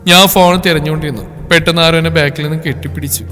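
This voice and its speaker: A man, telling a story in a plain, steady way. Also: on the high side, fast talker. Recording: echoey room with faint music.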